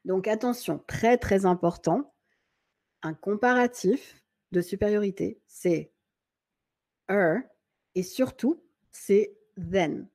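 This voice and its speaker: A woman teaching an English grammar lesson in French, patiently repeating key points and reading example sentences slowly in a friendly, informal way. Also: mid-range voice, darkish tone. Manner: friendly and informal, addresses viewer as tu.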